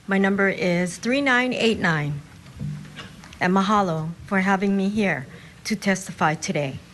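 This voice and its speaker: A woman reading a prepared statement in a measured, deliberate way at a podium in a state capitol hearing room. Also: medium pitch, a bit bright, a little hiss or hum. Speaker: public testifier. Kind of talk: prepared public testimony.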